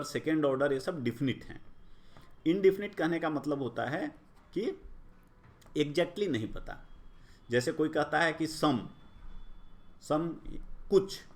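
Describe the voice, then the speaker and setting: A man explains grammar in a patient, deliberate lecture. His voice sits a little high and moves a lot as he stresses each term. He takes his time over every phrase. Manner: slow, deliberate, rising and falling emphasis. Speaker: grammar teacher.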